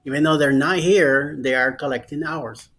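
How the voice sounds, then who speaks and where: A man's voice: on the high side, normal speed, a bit bright, a little hiss or hum. A man hosting a casual livestream late at night, tired after hours on air, rambling with fillers and restarts over a video call. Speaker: livestream host.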